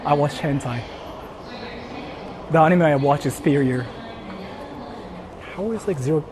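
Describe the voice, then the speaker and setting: Unhurried and higher-pitched, a live streamer from Japan talks casually with viewers as he moves through public spaces. His speech is rambling, repetitive and packed with fillers, especially "like," over a noisy outdoor backdrop of traffic and urban sounds.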